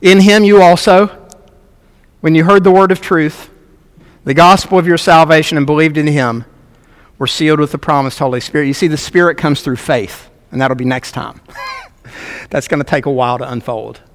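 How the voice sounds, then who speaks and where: A man's voice: a little high, fairly even intonation, normal speed, clear, resonant tone, long reverb tail. A man preaching a sermon as a pastor, earnest and emphatic, repeating key words for stress.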